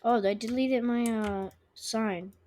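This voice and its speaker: Slow-talking woman in chatty game commentary. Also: on the high side, steady tone, a little mellow, slight background noise. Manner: chatty, talks straight to viewers, asks them to subscribe. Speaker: gaming channel host. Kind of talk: casual let's-play commentary. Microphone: own microphone.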